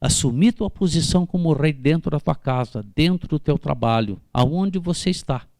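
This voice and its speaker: A man's voice: on the high side, lively intonation, moderate pace, a little mellow, no echo. A man with a Brazilian Portuguese accent preaching a sermon at a church service, fervently putting questions to the congregation by name. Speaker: pastor.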